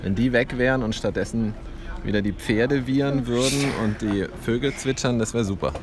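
A man, a parent at a festival, gently coaxes a child to answer in a street interview. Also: mid-range voice, moderate pace, noisy background. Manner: coaxing, gently prompting.

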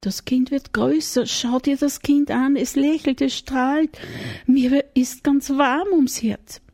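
A woman's voice: sits high, steady tone, unhurried, dark tone, dry recording, clean studio sound, voice pushed up. A woman with an Austrian accent voicing a timid, tender-hearted little shepherd boy who talks in a dreamy, gushing way.

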